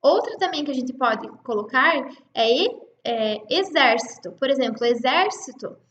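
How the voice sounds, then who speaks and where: A woman's voice: sits high, big pitch swings, normal speed, fairly bright tone, reverberant, highs cut off, a little hiss or hum. A woman teacher with a Brazilian Portuguese accent giving an online class, explaining patiently step by step and checking in with her students.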